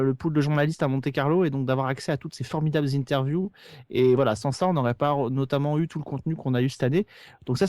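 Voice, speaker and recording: Speaking into a podcast microphone on a remote internet call, a man who hosts a TV series podcast explains things at length in a casual chat, hesitantly repeating words. His voice is medium-pitched and a little mellow, recorded at studio quality without echo.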